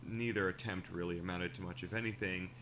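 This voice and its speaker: Deep-voiced man narrating a documentary. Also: brisk. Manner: steady, informative storytelling. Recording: noisy played-back video audio.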